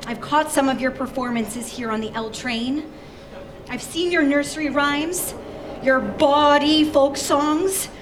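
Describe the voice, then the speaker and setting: A woman's voice: high voice, background noise. A woman playing an aggrieved, melodramatic, struggling subway busker in a live comic radio play.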